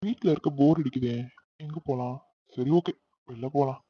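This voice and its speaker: A man narrating a cartoon and voicing an older brother, earnest and fast. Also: medium pitch, husky, dull audio.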